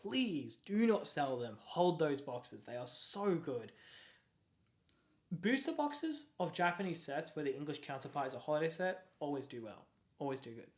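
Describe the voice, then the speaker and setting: A young adult with an Australian accent chatting casually on a livestream. They ramble excitably, laugh often and keep apologizing. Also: medium pitch, normal speed. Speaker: card-collecting livestreamer.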